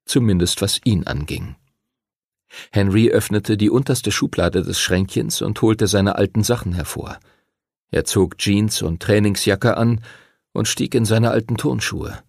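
A man narrating an audiobook in an expressive storytelling manner. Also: fairly low pitch, a little slow, creaky, no echo, clean studio sound.

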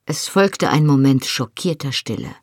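An audiobook narrator reading a first-person novel in a lively, expressive way. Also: mid-range voice, normal speed, no echo, studio quality.

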